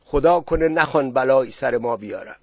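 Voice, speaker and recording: A man voicing a village headman who speaks briskly and gives orders. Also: medium pitch, a little mellow, no echo, pitched above the performer's own voice, natural voice. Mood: concerned.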